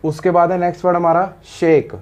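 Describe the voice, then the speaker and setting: A man's voice: high voice, flat delivery, fairly quick, darkish tone. A man teaching a shorthand lesson in mixed with English terms. He explains step by step and often checks that the students understood. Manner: explains patiently, often asks "samajh aaya?".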